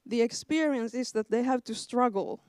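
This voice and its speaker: Woman in her 40s, swedish-raised historian, umms a lot, smooth clear voice, dry sound. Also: a little high, a little mellow, no echo. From Sweden. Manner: measured, with frequent hesitations. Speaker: historian, debate panelist. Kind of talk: academic panel talk.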